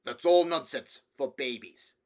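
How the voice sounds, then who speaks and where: A man voicing a stern, irritable middle-aged king in a storybook, brusque and condescending, given to booming commands. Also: expressive, normal speed, fairly bright tone. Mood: stern, sharp.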